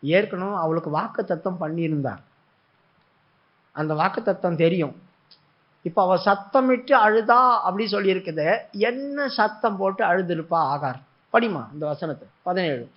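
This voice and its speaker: A man's voice: high voice, normal speed. A man preaching a sermon, telling a story with feeling and acting out the prayers and the replies of God. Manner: animated storytelling, acting out prayers and God's words. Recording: dull lo-fi recording.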